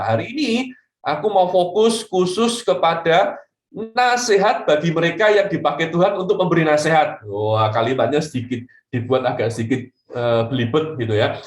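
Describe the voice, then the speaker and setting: A man preaching a casual youth sermon, chatty and animated, dropping slang and English asides to his young listeners. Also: a little high, reverberant.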